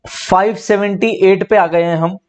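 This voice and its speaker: A man's voice: high-pitched, fairly even intonation, measured pace. A male teacher with an Indian English accent giving an exam-prep vocabulary lesson, mixing Hindi and English and spelling words letter by letter. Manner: addresses students as "my brother".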